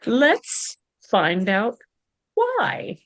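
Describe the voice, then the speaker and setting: A woman hosting a casual live stream as a divination reader, halting and correcting herself as she goes. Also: a little high, huge pitch swings, dry recording.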